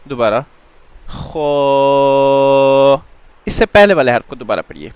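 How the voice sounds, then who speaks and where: A man teaching tajweed in an online Quran reading lesson, drawing out letter sounds slowly and often checking that students follow. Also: medium pitch, huge pitch swings, no echo. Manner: slow drawn-out letter drills with frequent check-ins.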